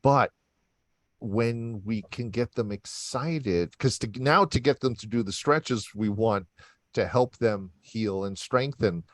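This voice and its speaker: Upbeat lower-voiced male host, dry sound. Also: takes it slowly, dry recording. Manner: enthusiastic, animated storyteller. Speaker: host, doctor. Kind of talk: conversational interview.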